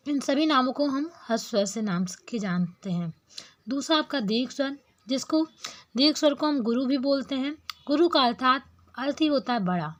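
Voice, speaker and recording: A woman, teaching a grammar lesson patiently, repeating terms and drawing out vowel sounds as examples. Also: sits high. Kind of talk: explanatory lesson.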